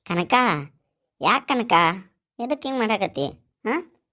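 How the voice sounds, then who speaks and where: A woman voicing a young village man working abroad, gentle and pleading, with a North Karnataka Kannada accent. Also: low-pitched, normal speed, natural voice. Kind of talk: cartoon voice acting.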